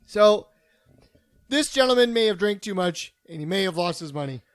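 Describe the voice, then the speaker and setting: A man's voice: high voice, expressive, moderate pace, smooth, no echo. A man playing a rambling casino boss. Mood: defensive. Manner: rambling food metaphors, laughing through lines. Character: blustering Italian casino liquor-board boss, defensive. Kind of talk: improvised mock-courtroom comedy.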